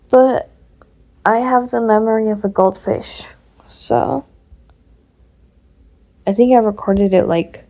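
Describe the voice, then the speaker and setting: Woman, casual, lots of ums, mellow higher voice, reading her own story. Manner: chatty, with many fillers. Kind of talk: casual chat, then reading aloud.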